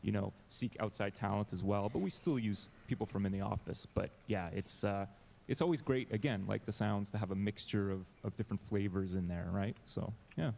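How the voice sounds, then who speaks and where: Man, lowish gravelly voice, loose enthusiastic panel chatter. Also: a little fast, a little mellow, a little hiss or hum. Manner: casual, filler-heavy, enthusiastic. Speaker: game developer. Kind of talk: convention panel talk.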